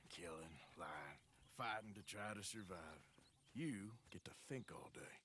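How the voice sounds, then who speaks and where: A dry, wry outlaw cowboy in a video game. His voice is forceful and bright, with lively pitch swings. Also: measured pace, a little hiss or hum, full character voice.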